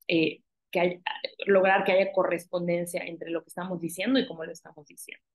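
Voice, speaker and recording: Woman lecturer, lowish voice, talks through points with fillers and tag questions. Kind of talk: recorded online lecture.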